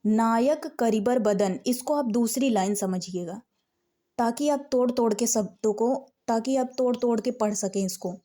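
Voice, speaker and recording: A woman with a fairly high voice leads a recitation lesson at an unhurried, deliberate pace. Her tone is soft and mellow rather than bright. She chants verses slowly and patiently, one word at a time, then explains them. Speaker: recitation teacher. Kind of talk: teaching scripture recitation.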